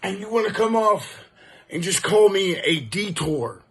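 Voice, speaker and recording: A man's voice: high-pitched, expressive, unhurried, husky. A man cutting a cocky, profane wrestling-style promo, boasting and hurling insults at his rival. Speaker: online wrestling promo cutter. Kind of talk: trash-talking wrestling promo.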